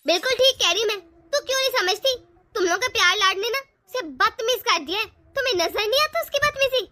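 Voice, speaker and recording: The mother-in-law in this homemade family drama is voiced by a woman using a full character voice: very high-pitched, pushed and bright, expressive and fairly quick. The stubborn older woman nags and scolds with sternness.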